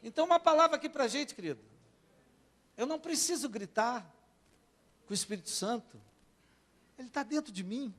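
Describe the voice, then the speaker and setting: A male pastor from Brazil preaching a sermon in a church. He keeps asking the congregation for amens and swings between soft and loud. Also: very high voice, animated, moderate pace, long pauses.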